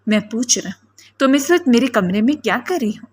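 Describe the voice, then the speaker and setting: A woman's voice: fairly high pitch, expressive, breathy edge. A woman reading a harsh, aggressive young man.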